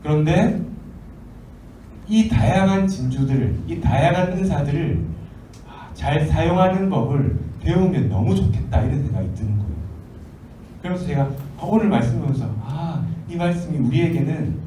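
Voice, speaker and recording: A man preaching a sermon to a youth group as their pastor, acting out quotes with animated delivery. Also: a little high, moderate pace, slight background noise. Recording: echoey church hall, mic at a distance.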